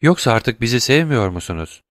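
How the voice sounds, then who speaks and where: A man's voice: mid-range voice, very animated, a little fast, no echo, clean studio sound, natural voice. A man voicing a tearful, devoted young granddaughter in an audiobook, earnest and pleading. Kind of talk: audiobook reading.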